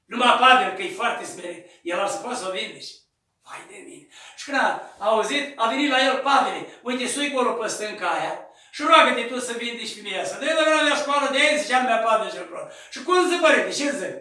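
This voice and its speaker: A male Orthodox priest telling a saint's story in a sermon, acting out the voices and shouting at the peaks. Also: very high voice, animated. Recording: echoey room, distant mic.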